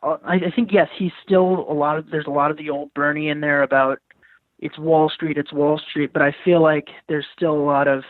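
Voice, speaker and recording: A man's voice: a little high, little pitch movement, a little fast, no room sound. A teenage man from New York calling in over the phone, talking earnestly and searching for his words. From New York, USA. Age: teens. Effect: heard over the phone. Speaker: caller. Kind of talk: casual call-in talk. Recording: tinny, breaking-up phone line.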